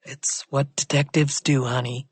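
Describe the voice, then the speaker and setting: A woman reading an audiobook, voicing a gruff, smug male detective with clipped, wry lines. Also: rumbling low, measured pace, dry recording, heavily acted. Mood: dry, smug.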